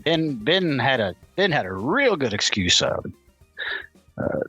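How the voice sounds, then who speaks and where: A man with a Texan accent co-hosting a sports podcast, his voice still raspy from illness, talking casually with frequent repeated words. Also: mid-range voice, sing-song, a little slow, pushed and bright, muffled recording, faint music behind. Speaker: podcast co-host. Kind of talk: casual chat.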